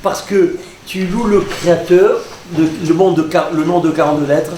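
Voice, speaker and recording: A man, a rabbi, teaching a lively lesson and quizzing his audience. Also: on the high side, normal speed, over a noisy crowd. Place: lecture hall with audience. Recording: echoey hall with audience.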